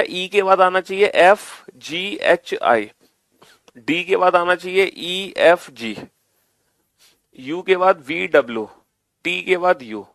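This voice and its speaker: A young male teacher with a somewhat high voice walks through an exam-prep reasoning lesson. He spells letters out slowly, repeats every step, and answers his own questions as if he were a student. The recording is close and dry, with no room sound. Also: fairly bright tone, no room sound.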